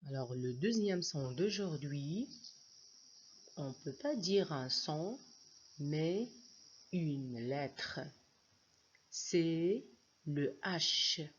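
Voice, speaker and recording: A woman teaching young children to read in a phonics lesson, spelling each word out letter by letter in a slow, deliberate way. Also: low voice, animated, highs cut off, a little hiss or hum. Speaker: reading teacher.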